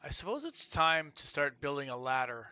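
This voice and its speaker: A man's voice: a little high, big pitch swings, moderate pace, sharp tone, clear, resonant tone, dry recording. A man streaming a factory-building game, thinking aloud in casual commentary with fillers and restarts.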